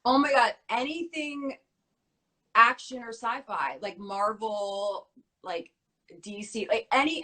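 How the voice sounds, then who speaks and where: A young woman guesting on an interview chats casually, her voice strained and slightly worn as she loses it. She speaks quickly and bubbly, sprinkling in lots of filler words, with a mid-range pitch and a fairly bright tone.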